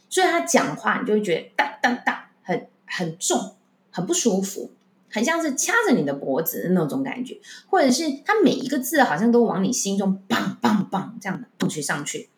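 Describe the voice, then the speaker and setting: A woman's voice: mid-range voice, echoey room. A woman, a speech and voice coach giving speaking tips on a podcast, full of rhetorical questions to her listeners.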